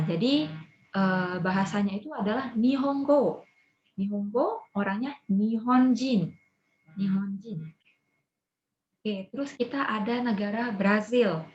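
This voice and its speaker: Woman, Indonesian accent, hoarse, chatty language teacher, roomy muffled video call sound. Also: medium pitch. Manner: chatty, mixes in English words, drawn-out repetitions. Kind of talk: casual online vocabulary lesson. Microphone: video call recording.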